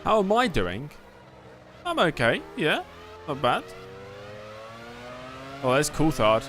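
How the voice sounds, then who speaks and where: A man's voice: on the high side, huge pitch swings, takes it slowly, a bit bright, a little hiss or hum. A man live-streaming a game, giving casual commentary, replying to chat and muttering to himself.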